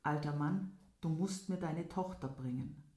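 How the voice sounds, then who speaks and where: A woman's voice: sits low, unhurried, dark tone. A woman voicing a fatherly, commanding king in a fairy tale. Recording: roomy echo.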